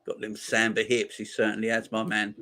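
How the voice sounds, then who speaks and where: A man in his 40s hosts a casual football livestream, reading viewer comments and chatting in a laid-back, slangy way while laughing often. His voice is on the low side, monotone, brisk, pushed and bright.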